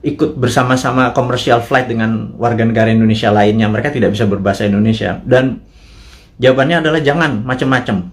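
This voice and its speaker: A man's voice: mid-range voice, fast talker. A man hosting a live show, delivering a political commentary monologue with impassioned rhetorical questions and colloquial asides. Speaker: host.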